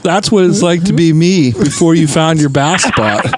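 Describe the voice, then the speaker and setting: A man hosting a podcast, chatting casually with a guest and tossing in jokes and encouragement. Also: fairly high pitch. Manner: joking, encouraging interjections. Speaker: podcast host. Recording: noisy recording.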